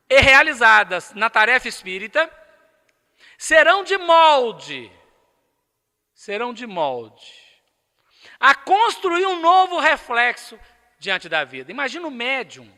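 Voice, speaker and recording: A man's voice: very high-pitched, big pitch swings, takes it slowly, long pauses, sharp tone. A man with a Brazilian accent giving a spiritist lecture, emphatic and asking the audience rhetorical questions. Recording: echoey lecture hall.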